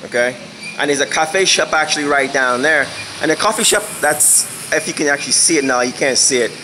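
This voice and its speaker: A man tours an empty house on a handheld phone camera, moving between rooms and balconies while rambling, searching for words, and filling gaps. His slightly high voice comes across brisk, with background noise behind it.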